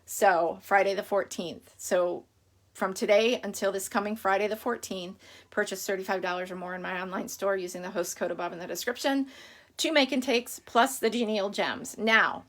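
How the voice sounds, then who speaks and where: A woman's voice: medium pitch, steady tone, moderate pace. Chatty woman demoing craft stamps. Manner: chatty, rambling, greets viewers by name. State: has the hiccups. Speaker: stamping demonstrator hosting a live stream. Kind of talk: casual live-stream craft demo.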